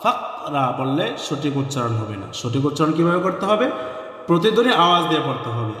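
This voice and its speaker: A man teaching Quranic recitation online, slowly drilling letter sounds and chanting syllables one by one. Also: a little high, very animated, fairly bright tone. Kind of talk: online tajweed lesson. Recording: echoey room with long reverb.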